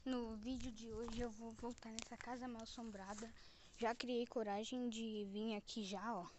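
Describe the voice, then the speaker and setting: A woman's voice: a little high, level tone, moderate pace. A Brazilian woman hosting a gaming channel, giving jumpy gameplay commentary that swings between whispers and shrieks. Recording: long reverb with clear background noise.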